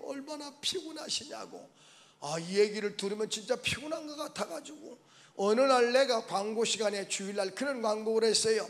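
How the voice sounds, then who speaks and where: A middle-aged male pastor preaching a revival sermon in a church sanctuary. His voice sits high for a man, and his animated delivery swings from soft asides to shouted exclamations.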